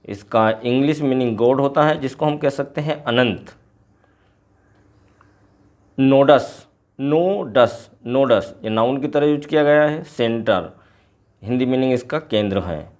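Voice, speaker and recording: This man, an English teacher with a darkish, middle-pitched voice, works through a poem's vocabulary in class. He slowly repeats every word before offering its meaning in both English and Hindi.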